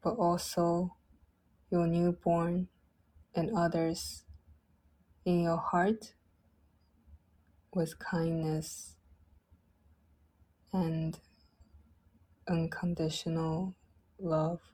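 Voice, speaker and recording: A woman leading a guided loving-kindness meditation in a soft, gentle, drawn-out way. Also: lowish voice, level tone.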